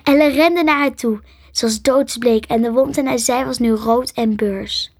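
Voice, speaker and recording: A woman narrating a storybook, her voice soft and half-whispered, pitched a little high. The recording is dry and close, with no room sound. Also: normal speed, dry recording. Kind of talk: storybook reading.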